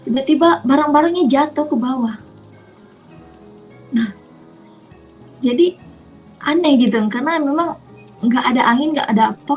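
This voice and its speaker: A woman tells her personal testimony in an earnest storytelling way, acting out both sides of a conversation. Her voice sits a little high but sounds mellow and dark, with a gravelly fry running through it. Faint music plays underneath. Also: low-quality recording. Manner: earnest, retells dialogue in quoted exchanges. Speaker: testimony speaker.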